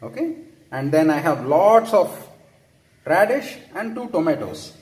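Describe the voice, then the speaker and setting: A man from India with an Indian English accent casually explains how he cooks at home, speaking unhurriedly in a high-side, very animated, darkish voice that echoes around his kitchen. Chatty and self-correcting, he often tags his lines with "okay?".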